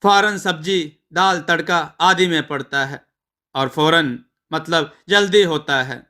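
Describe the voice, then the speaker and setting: Male narrator as a simple, earnest village bride, light and bright-toned. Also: on the high side, a little slow. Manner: earnest, rustic village speech. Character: naive young village bride.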